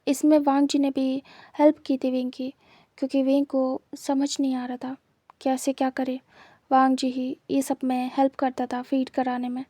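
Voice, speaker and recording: A woman's voice: high-pitched, completely flat delivery, normal speed, dark tone, no echo. A woman with a Hindi accent narrating a fan fiction story, repeating herself for emphasis. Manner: repetitive, emphatic.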